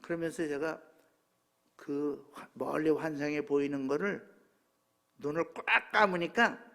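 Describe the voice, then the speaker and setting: A pastor in his seventies preaching a sermon, telling a personal story with emotion that swings from hushed tones to loud exclamations. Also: fairly high pitch, a little slow, gravelly. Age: 70s.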